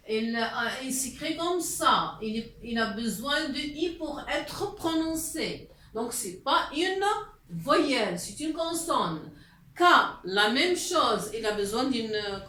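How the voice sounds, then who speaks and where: Woman teacher, slow and patient, fairly high voice, hesitant fillers, echoey classroom. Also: fairly bright tone. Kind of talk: classroom lesson explaining letters. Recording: echoey room.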